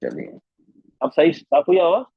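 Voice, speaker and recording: A man's voice: on the high side, wildly swooping pitch, unhurried, vocal fry, slightly rough, no room sound, muffled recording. A man teaching a Quran recitation class online, patiently repeating letter sounds to demonstrate them.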